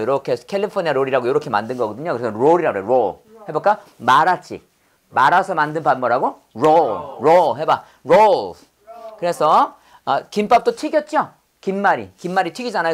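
A middle-aged woman teaching English vocabulary, leading slow call-and-repeat drills and coaxing her students to say each word after her. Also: deep voice.

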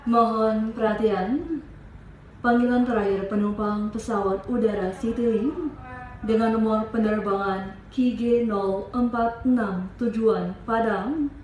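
A woman giving formal airport boarding calls over a PA system in a slow, measured announcing manner. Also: on the high side, steady tone, darkish tone. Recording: echoey, faint background hiss.

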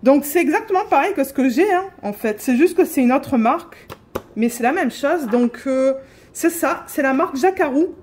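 A woman chatting excitedly on her home craft vlog, filling pauses with fillers and breaking into squeals. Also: high-pitched. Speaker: diamond painting vlogger.

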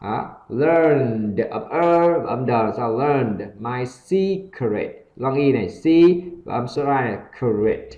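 A Vietnamese-accented man runs a pronunciation lesson, reading short story lines slowly and then dissecting each sound in rapid bursts of explanation. His voice sits at a middle pitch. The recording sounds roomy and a little dull. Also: expressive, darkish tone. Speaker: English pronunciation teacher.

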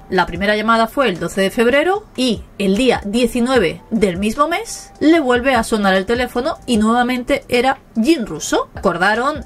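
A woman's voice: mid-range voice, fairly bright tone. Woman retelling a book's story. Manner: conversational narration with fillers and asides. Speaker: channel host.

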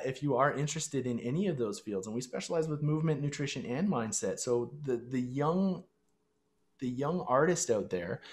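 A man in his thirties speaks through a headset from a small room at home, guesting on a podcast. He coaches the listeners directly and earnestly, at a mid pitch that is common for a man. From Canada. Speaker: fitness and lifestyle coach guest. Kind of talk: podcast interview over video call. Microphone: headset on a video call.

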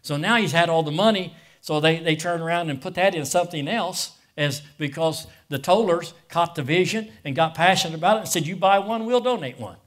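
A man's voice: fairly high pitch, fairly quick, few pauses, a bit bright. A middle-aged man from preaching a sermon as pastor, emotional and passionate, often repeating words as he goes.

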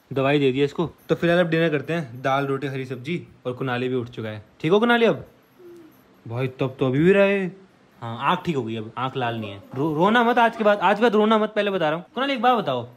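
Fast-talking young man vlogging at home. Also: fairly high pitch. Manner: coaxing, patiently explaining to a crying child. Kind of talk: casual home vlog. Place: family home.

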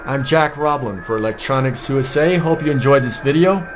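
Speaking briskly in a mid-range voice, an American man hosts an amateur radio video, demonstrating hands-on and informally from his indoor home radio desk. Clear static and signal noise from a shortwave receiver run underneath.

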